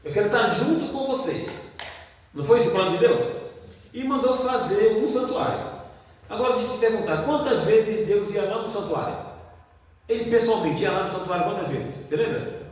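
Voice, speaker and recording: A man's voice: sits high, lively intonation, a little fast, darkish tone. A man, an evangelist preaching a sermon in a church, who keeps asking the congregation questions. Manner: asks the congregation questions again and again. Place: church hall. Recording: echoey hall, distant mic, faint noise.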